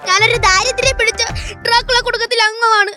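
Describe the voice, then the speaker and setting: A penniless comic Dracula, whiny, very high voice, loud music behind. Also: male voice, fairly even intonation, fast. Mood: whining. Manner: whiny, self-pitying. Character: broke, scheming male Dracula, family man. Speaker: sketch comedian. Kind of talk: comedy stage sketch. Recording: stage sketch under loud music.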